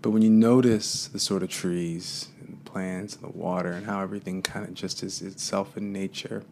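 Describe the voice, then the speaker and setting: Gravelly low-voiced man musing slowly. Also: steady tone, a little mellow, slight background noise. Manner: casual, meandering, with many fillers. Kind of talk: reflective spiritual talk.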